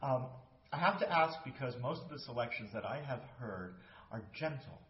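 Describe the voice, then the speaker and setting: A man's voice: medium pitch, expressive, moderate pace. A man hosting a radio show, chatty and laughing often while he interviews a guest. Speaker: radio host. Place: guest's home in Amsterdam. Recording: echoey, dull lo-fi, faint hiss.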